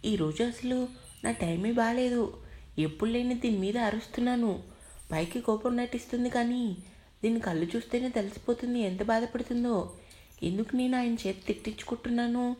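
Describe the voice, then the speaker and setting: A feisty young working woman, hurt and defiant, talking back in sulky turns, as a woman narrator reads her. The voice is slightly high and close to the reader's own. It sounds like a spoken storybook. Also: normal speed, warm tone, natural voice. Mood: troubled.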